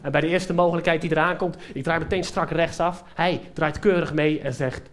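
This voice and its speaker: High-voiced young male stand-up comedian. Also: brisk. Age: young adult. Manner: animated storytelling, talks straight to the audience. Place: theater stage before a live audience.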